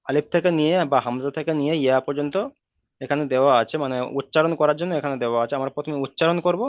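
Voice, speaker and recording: Heard through a video call's tinny, dry, echo-free audio, a man with a slightly high voice teaches Quran reading online. He patiently goes over each rule again and again, drawing out the vowels.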